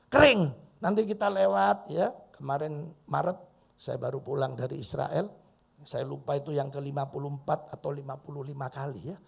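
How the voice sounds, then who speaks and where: A middle-aged pastor preaches in a church, voice pitched high for a man. His tone is husky and full of fry, and he swings into loud bursts and acted-out quotes. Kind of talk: sermon. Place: church hall.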